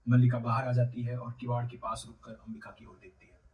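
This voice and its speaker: A man reading a play aloud, narrating its stage directions in a steady, even way. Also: medium pitch, a little fast, phone-quality sound. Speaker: reader. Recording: roomy, distant from mic.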